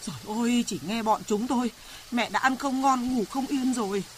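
A woman's voice: a little high, moderate pace, slight background noise, close to an everyday voice. An actress playing an anxious rural mother who pleads with her grown son in a radio drama. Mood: worried. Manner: pleading, emotional.

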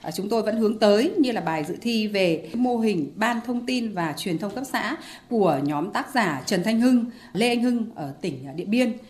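A woman giving formal remarks slowly, with hesitations. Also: medium pitch, lively intonation, a little mellow. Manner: slow, hesitant formal speech. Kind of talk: official statement.

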